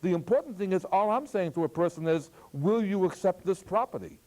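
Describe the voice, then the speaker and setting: An older man, a math professor, giving a lively, joking classroom lecture on algebra. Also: high-pitched, brisk. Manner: lively, jokey, plays with voice inflection. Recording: archival taped lecture.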